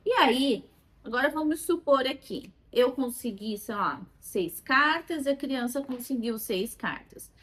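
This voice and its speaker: A woman's voice: high-pitched, a little slow. A Brazilian woman teaching how to use a children's learning game, recorded on a phone, at times modelling questions as if to a child. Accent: Brazilian Portuguese. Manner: animated, talks as if to a child when modelling questions. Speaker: child development educator.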